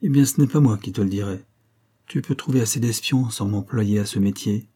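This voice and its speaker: A man's voice: fairly low pitch, fairly quick, warm tone, breathy edge. A man reading a blunt old woman servant.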